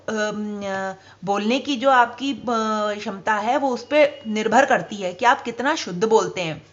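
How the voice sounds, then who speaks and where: A woman teacher giving a spelling lesson to children, speaking slowly and deliberately and stressing each example word. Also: a little high, fairly bright tone, dull audio.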